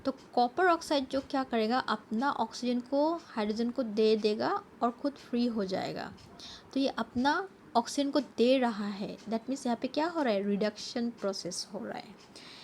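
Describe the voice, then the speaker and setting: A fairly high-voiced woman teaches a science class from slides. She poses questions to herself and answers them, and she slows down to read English definitions. A faint hiss of noise sits under the recording. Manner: switches between Hindi and English, reading English definitions slowly. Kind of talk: slide-based lesson explanation.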